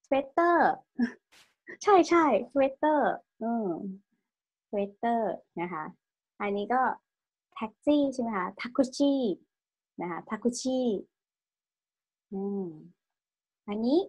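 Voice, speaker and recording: A woman with a slightly husky voice leads an online language lesson. She is patient, checks each word with a soft tag question and drills the pronunciation again and again. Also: on the high side, animated, slow pace, pauses often, muffled recording. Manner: tag-questions every phrase with polite particles. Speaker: Japanese language teacher.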